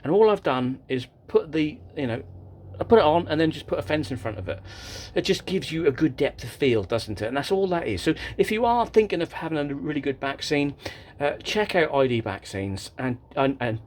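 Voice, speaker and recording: A man with a slightly high, animated voice talks a little fast as he vlogs about his model railway layout, chatty and rambling, often breaking off and restarting sentences. It's a casual show-and-tell filmed indoors on a tripod camera, with slight background noise.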